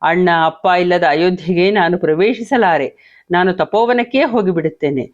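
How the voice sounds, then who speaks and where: A man's voice: high voice, expressive, unhurried. A man voicing a distraught young prince in an emotional reading, on a dull lo-fi recording. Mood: wailing. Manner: wailing then indignant.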